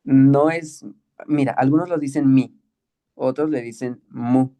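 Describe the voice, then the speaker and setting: A man teaching the Greek alphabet in an online class, patient and slow, often checking with "¿ok?". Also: medium pitch, fairly even intonation, warm tone. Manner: patient, explains slowly with many checks like "¿ok?" and "¿sí?".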